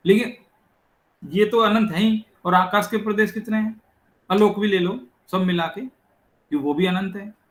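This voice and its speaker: A man giving a religious scripture lecture, explaining step by step, asking rhetorical questions and reciting verses slowly. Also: high voice. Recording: echoey room.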